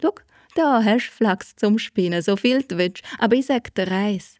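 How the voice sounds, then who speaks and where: A woman voicing a fairy-tale king who speaks slowly and grandly. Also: medium pitch, darkish tone, no echo, studio quality, lightly acted. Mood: stately. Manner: slow, measured, lordly.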